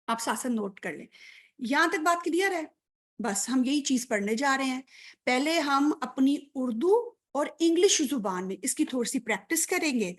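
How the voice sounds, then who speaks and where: High-voiced woman teaching grammar. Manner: patient, checks understanding often, praises students; mixes English terms into Urdu speech. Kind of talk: online grammar class.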